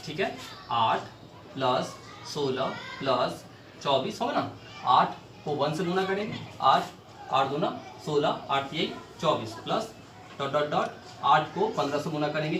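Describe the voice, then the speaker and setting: A man's voice: a little high, a bit bright. A man teaching a maths lesson, asking questions and answering them himself as he works problems on a board. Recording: echoey room, mic far off, faint noise.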